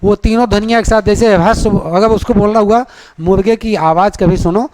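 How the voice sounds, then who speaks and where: Male teacher, high pitch, lecture delivery, poses questions and answers them himself. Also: fairly even intonation, fairly quick, a little mellow. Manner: draws out vowel sounds to demonstrate them. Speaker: Sanskrit grammar teacher. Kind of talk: classroom-style lecture.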